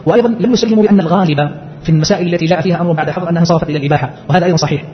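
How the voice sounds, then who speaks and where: A man explains a scholarly text at a very fast clip, raising questions and answering them himself. His voice sits a little high, and the recording is dull and lo-fi with a faint hiss behind it. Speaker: teacher. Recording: muffled lo-fi lecture recording.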